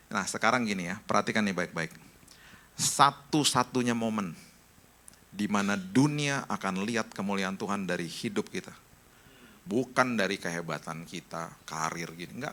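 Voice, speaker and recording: A man's voice: on the low side, bright, forceful tone. A middle-aged male pastor preaching a sermon, telling stories and acting out the voices of friends and family.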